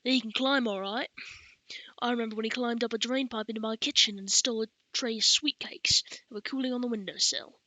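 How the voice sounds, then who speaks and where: A woman's voice: on the high side, fairly even intonation, brisk, pushed and bright, no echo, muffled recording. A woman playing a grumpy, accusing castle cook. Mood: angry. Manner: angry, accusing.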